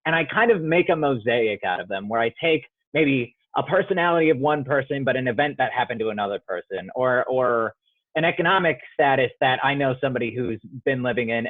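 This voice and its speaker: A male playwright thoughtfully answers interview questions over a video call, often restarting while he searches for words. His voice is medium-pitched, and the audio is dry and tinny, like a phone.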